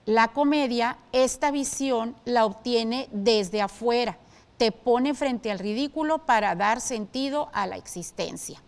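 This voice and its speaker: A woman teaching a televised school lesson, explaining clearly and steadily and asking her students questions. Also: a little high, unhurried.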